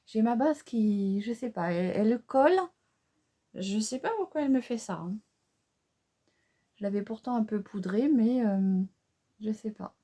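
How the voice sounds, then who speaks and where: Speaking unhurriedly with long pauses, a medium-pitched beauty vlogger talks directly to her viewers in a casual makeup tutorial. She's chatty and hesitant, using many fillers, and gets excited about the colors.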